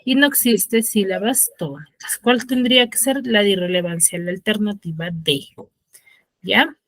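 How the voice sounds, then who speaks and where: A woman teaching a class over a video call reads passages aloud at an even pitch, then explains what they mean. She calls on students one by one. Her voice sounds dry and close, with no room around it. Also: moderate pace, dry recording. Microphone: computer or phone on a video call.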